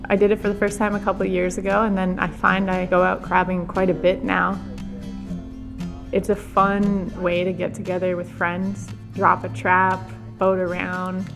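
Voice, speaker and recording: A young woman photographer narrating her trip in a relaxed, thoughtful voice-over. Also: fairly low pitch, normal speed, creaky. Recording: voice-over with loud guitar music behind.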